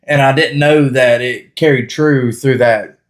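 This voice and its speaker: A man's voice: mid-range voice, steady tone, measured pace. A man co-hosting a podcast, talking loosely and rambling, swearing often in casual chat among friends. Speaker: podcast co-host.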